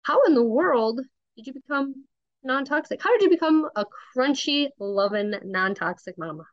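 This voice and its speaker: A woman's voice: sits high, expressive, normal speed, highs cut off. A woman from North Dakota with a North Dakota accent, hosting a casual podcast interview. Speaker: podcast host.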